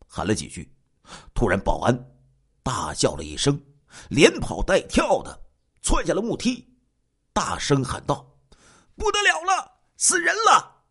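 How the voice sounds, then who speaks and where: Animated male true-crime storyteller. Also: lowish voice, gravelly, slightly rough. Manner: dramatic, exclamatory, colloquial asides. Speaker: narrator.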